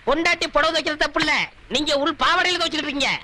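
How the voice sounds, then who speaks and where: A man's voice: very high voice, steady tone, very fast, background noise. An actor playing a sly village man who wails theatrically at a funeral and answers back cheekily. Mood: cheeky. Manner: exaggerated wailing, whiny. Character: sly wailing village mourner, petty thief. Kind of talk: film comedy acting. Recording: film soundtrack with loud music.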